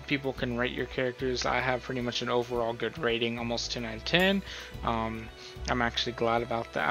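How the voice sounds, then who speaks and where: Over a screen recording, a man narrates a casual tutorial as its host, his speech loose and meandering. His voice is mid-range with a sharp tone.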